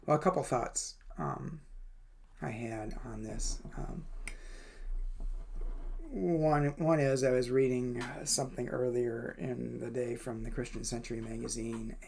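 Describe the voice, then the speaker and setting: A man reads a daily devotional and adds his own reflections, speaking thoughtfully with many hesitations and fillers. His mid-range voice has fairly even intonation, vocal fry and a slightly mellow quality, going a little slowly over a faint hiss or hum.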